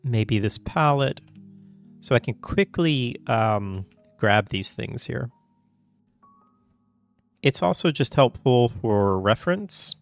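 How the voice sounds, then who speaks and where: A man getting over a cold, coughing now and then, talking through a casual software tutorial in a loose, chatty way full of fillers and self-corrections. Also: mid-range voice, lively intonation, takes it slowly, gravelly, pauses often, soft background music. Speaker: tutorial host.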